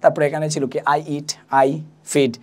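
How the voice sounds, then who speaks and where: A woman's voice: sits low, flat delivery, normal speed, dark tone. A young woman teaching an English lesson, patiently repeating and spelling out each word. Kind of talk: spoken language lesson.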